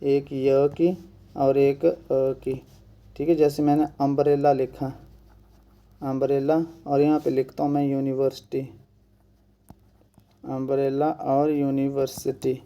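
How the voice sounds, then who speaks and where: A man from India giving an exam-prep grammar lesson, repeating each point slowly and asking questions that he answers himself. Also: medium pitch, flat delivery, dark tone. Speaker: teacher.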